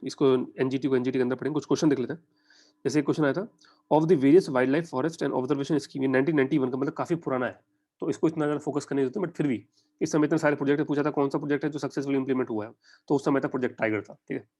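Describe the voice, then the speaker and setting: A young Indian man giving a conversational exam-prep lecture, often putting quick questions to his students. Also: medium pitch, fairly even intonation, darkish tone. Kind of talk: online lecture in mixed Hindi and English.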